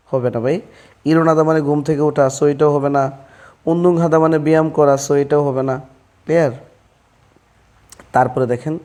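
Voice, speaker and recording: A man teaching a casual Korean language lesson, often calling the listener brother and asking quick check questions. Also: on the high side, darkish tone. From Bangladesh.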